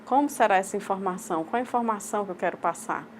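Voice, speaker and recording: A woman with a Brazilian accent voicing a sign language teacher's lecture aloud, in measured, halting short phrases. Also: mid-range voice, slight background noise. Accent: Brazilian Portuguese. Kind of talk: voiced interpretation of a lecture.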